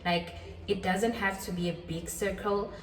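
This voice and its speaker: A woman's voice: mid-range voice, fairly even intonation. A woman in her twenties hosting her own vlog, talking casually and a bit self-deprecatingly, often repeating herself. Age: 20s. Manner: chatty, self-deprecating, with quick laughs and repetitions. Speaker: channel host. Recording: roomy echo, a little far from the mic.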